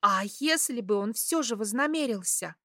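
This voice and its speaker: A woman voicing an eager young maid who speaks in an excited, exclaiming way. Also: on the high side, normal speed, no echo, clean studio sound.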